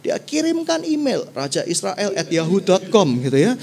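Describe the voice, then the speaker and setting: A woman preacher giving a sermon, telling the story in a playful, animated way and swinging between soft and loud. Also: mid-range voice, normal speed, creaky.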